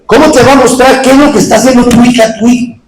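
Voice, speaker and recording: A middle-aged man preaching a sermon in a church, moving between quiet talk and shouting. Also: very high voice, fairly even intonation, quick pace, roomy sound, distant mic, poor audio. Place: church hall.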